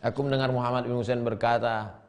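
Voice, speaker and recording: A man's voice: little pitch movement, fast talker. A male preacher reads an old Arabic text aloud and translates it line by line, repeating and rephrasing each passage and acting out the quoted people. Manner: shifts pitch sharply to act out quoted speakers. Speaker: preacher teaching a classical text.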